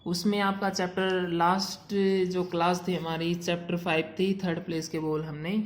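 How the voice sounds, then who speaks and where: A woman teaching a shorthand class. She reads English rules slowly and explains them in mixed Hindi and English. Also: lowish voice, level tone, slight background noise. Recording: echoey room.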